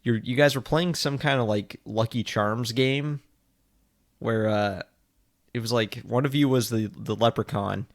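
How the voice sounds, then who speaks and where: A man's voice: medium pitch, unhurried. A man co-hosting a podcast in casual chat, hesitant, repeating his words and laughing often. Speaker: podcast co-host.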